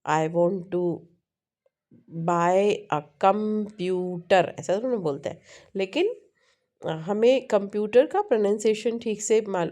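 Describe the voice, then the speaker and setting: Indian lady teacher, slow patient lesson talk, mellow voice, keeps asking "right?". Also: mid-range voice. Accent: Indian English. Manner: slow explanatory teaching, mixing Hindi and English, frequent "है ना" checks. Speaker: English teacher. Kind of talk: classroom lesson explaining syllables.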